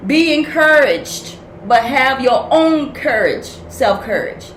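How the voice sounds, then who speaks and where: A woman's voice: high-pitched, expressive, takes it slowly. An older woman, a grandmother and spiritual counselor, giving a tarot message reading in a blunt, profane, tough-love preaching manner. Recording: echoey room with noise.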